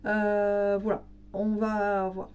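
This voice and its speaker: A woman with a hoarse, raspy, breathy voice that is recovering from voice loss, chatting casually as she explains her household routine step by step. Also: mid-range voice, completely flat delivery, takes it slowly, darkish tone, recorded from a distance, highs cut off. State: hoarse, weak voice recovering from laryngitis. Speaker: home cleaning vlogger. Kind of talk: casual chat to camera.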